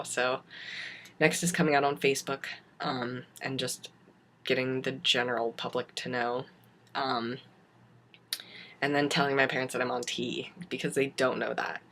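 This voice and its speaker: A young adult man with a raspy smoker's voice, chatting casually and haltingly in a video diary. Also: mid-range voice, sharp tone, a little hiss or hum. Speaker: vlogger giving a transition update.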